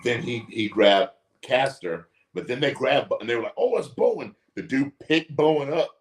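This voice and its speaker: A man's voice: mid-range voice, moderate pace. A man co-hosting a casual wrestling recap podcast, telling stories with lots of swearing. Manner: swearing, animated storytelling. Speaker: podcast co-host. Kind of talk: casual chat.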